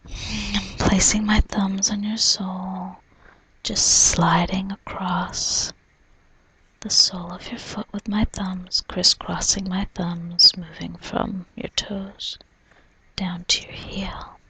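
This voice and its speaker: A woman doing a whispered role-play as a spa massage therapist, in a soft, soothing, breathy whisper, narrating gently. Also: mid-range voice, little pitch movement, slow pace, dry recording, rough recording. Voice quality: breathy, mostly unvoiced whisper. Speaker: reflexologist giving a foot massage.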